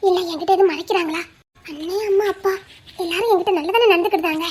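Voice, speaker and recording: A young separated wife and student with a Tirunelveli Tamil accent, played by a woman, thinking aloud in a soft, musing voice. Her pitch is extremely high. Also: quick pace. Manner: musing, soft-spoken inner monologue.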